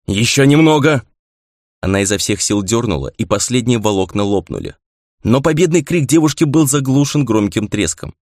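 Low-voiced man reading a fantasy audiobook. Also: dry recording, clean studio sound. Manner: measured, expressive reading. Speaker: audiobook narrator. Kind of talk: audiobook narration of a fantasy novel.

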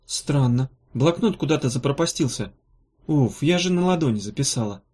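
A man reading an audiobook voices a fussy, practical female valkyrie healer with a brisk, blunt manner. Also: medium pitch, lively intonation, darkish tone, close to an everyday voice. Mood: matter-of-fact. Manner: brisk, blunt, a little embarrassed.

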